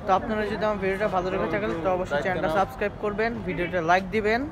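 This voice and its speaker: Fast-talking masked man. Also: sits high, little pitch movement. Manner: quick talk aimed at viewers. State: talking through a face mask. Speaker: food vlogger. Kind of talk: casual vlog review. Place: busy indoor restaurant. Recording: loud restaurant crowd noise.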